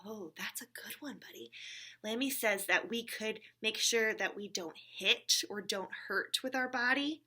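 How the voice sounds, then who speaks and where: A woman hosting church story time for young kids converses with a puppet companion, using simple, encouraging speech and frequent check-in questions. Her voice is on the high side, pushed and bright, and a little slow.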